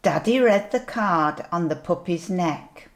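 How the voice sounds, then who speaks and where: A sweet grandmotherly older woman reading a picture book aloud to young children, gently pointing things out as she goes. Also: lowish voice, expressive. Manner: slow, deliberate storytelling with asides.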